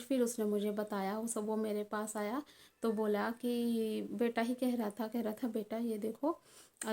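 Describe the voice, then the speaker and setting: Young woman, vlogger, personal storytelling, earnest, halting, flat, mellow tone. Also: a little high. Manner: earnest, halting retelling with frequent fillers.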